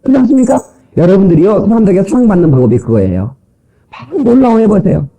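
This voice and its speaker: A man's voice: high-pitched, big pitch swings, quick pace, mellow, poor audio. A male pastor preaching a sermon in a church, joking with the congregation and mimicking people's voices.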